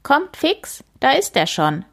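A woman doing a brisk cheerful grandma. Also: sits high, wildly swooping pitch, gravelly, a bit bright, pitched above the performer's own voice, full character voice.

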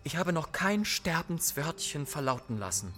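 A man's voice: fairly high pitch, very animated, normal speed, a bit bright, pitched above the performer's own voice. A male audiobook narrator voicing a timid, nervous older man who speaks in a hesitant, anxious way.

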